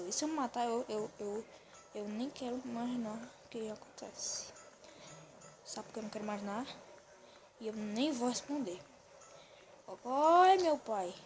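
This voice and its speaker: A woman with a Brazilian accent giving excitable, running commentary on a game she is playing for a video, often telling the viewer to look. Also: a little high. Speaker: gaming video host. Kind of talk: let's-play gameplay commentary. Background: faint game music.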